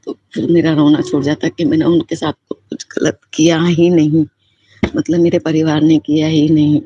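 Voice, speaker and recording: A woman's voice: low-pitched, little pitch movement, normal speed, dark tone, a little hiss or hum. A woman giving a personal devotional testimony, speaking in a heartfelt, repetitive and fervently grateful way. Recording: slightly muffled lo-fi recording.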